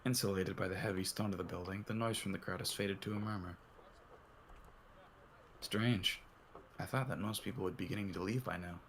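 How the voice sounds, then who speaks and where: Man, cowboy drawl, visual novel narration, very low voice, gravelly. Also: steady tone, fairly quick, pauses often, slight background noise. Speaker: narrator and lead reader. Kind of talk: reading a visual novel aloud.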